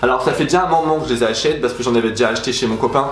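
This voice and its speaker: A man's voice: mid-range voice, rapid-fire. A young man chatting animatedly as a beauty vlogger, gushing about his favorite products in a casual review. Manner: animated, chatty, exaggerated enthusiasm. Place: room at home. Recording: echoey room with faint music.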